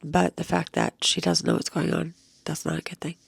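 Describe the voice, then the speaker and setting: A woman's voice: lowish voice, little pitch movement, no echo, studio quality. A tired, sleepless middle-aged woman with a crackly voice, talking casually in a personal vlog and reading a card aloud, sometimes sinking into a whisper. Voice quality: crackly, gravelly voice. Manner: tired, slow, at times dropping to a whisper. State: exhausted and sleepless. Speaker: vlogger.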